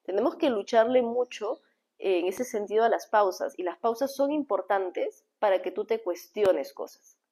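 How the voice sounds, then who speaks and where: Brief: woman, image coach on a phone live stream, direct to viewers, plays with tone and pauses to demonstrate. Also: medium pitch. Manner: expressive, varies tone and pace to demonstrate, addresses viewers directly. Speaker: image consultant and communication coach. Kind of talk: live-stream lesson on public speaking. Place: indoors, streaming live from home.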